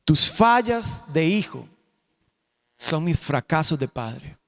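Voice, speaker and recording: Preacher playing a sorrowful aging emperor, deep-set and solemn, slow heavy delivery in a reverberant hall. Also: male voice, expressive. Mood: grave. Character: aged emperor father, grave and sorrowful.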